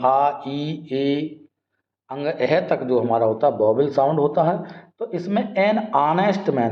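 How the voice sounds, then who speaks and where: Man, grammar teacher, slow and deliberate, asks questions back, echoey room. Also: fairly high pitch. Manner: explains step by step, often asks questions back and repeats words. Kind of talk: classroom-style grammar lesson. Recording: echoey room, dull lo-fi sound.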